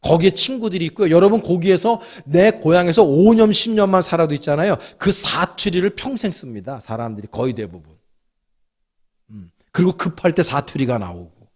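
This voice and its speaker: Guy preaching in church, fairly high voice, chatty, keeps asking the congregation stuff. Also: expressive, fairly quick, a little mellow. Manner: folksy, talks directly to the congregation with questions and asides. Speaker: pastor. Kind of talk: sermon. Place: church sanctuary.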